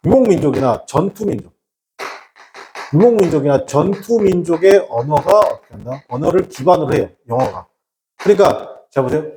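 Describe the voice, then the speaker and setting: A man with a voice on the high side teaches English grammar in a recorded lecture from an echoey room. He asks and answers his own rhetorical questions, shifts between casual and polite speech, and acts out shouted warnings to make his point.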